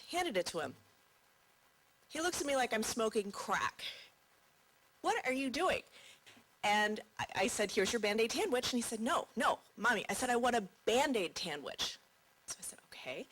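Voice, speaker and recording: A woman's voice: medium pitch, fairly bright tone, a little hiss or hum, low-quality recording. A woman, a conference marketing director, giving a welcome speech from the stage and telling a chatty anecdote.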